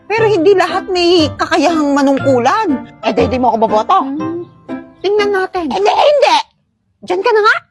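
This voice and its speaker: Very high-voiced woman, lively bickering skit, music behind. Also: moderate pace. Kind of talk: acted comedy skit.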